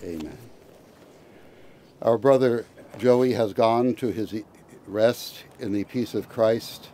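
Low, dark-voiced man leading graveside prayers. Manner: measured liturgical recitation. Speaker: priest.

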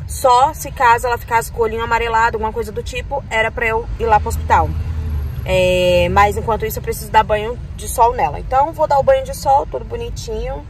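A woman's voice: a little high, steady tone, fast, a little hiss or hum. A tired young woman, a new mother, chatting casually to her viewers in a vlog in a tender, talkative way. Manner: chatty, tender, often says "gente" and "meu Deus".

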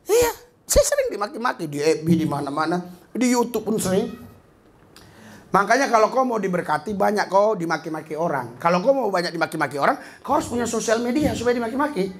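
A man preaching a lively sermon in a small church. He talks animatedly, jumping from loud bursts to quiet asides, and often laughs. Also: sits high, fairly quick, breathy edge. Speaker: pastor.

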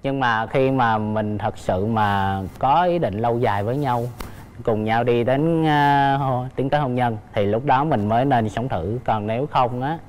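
A man's voice: medium pitch, a little slow, a little mellow. Hesitant young man on a dating show. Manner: polite, hesitant. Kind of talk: casual chat.

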